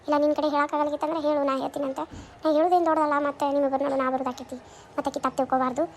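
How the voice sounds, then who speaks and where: A woman's voice: sits high, little pitch movement, rapid-fire, a little hiss or hum. A woman playing a worried middle-aged mother in a comedy skit, with a North Karnataka Kannada accent, lecturing and nagging. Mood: advising. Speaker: skit actor.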